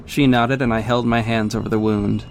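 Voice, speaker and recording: In a scripted audio drama with music behind him, a male actor plays a young vigilante superhero who is cocky but caring. He delivers earnest first-person narration and acted dialogue in a lowish, level voice at a moderate pace, acting only lightly.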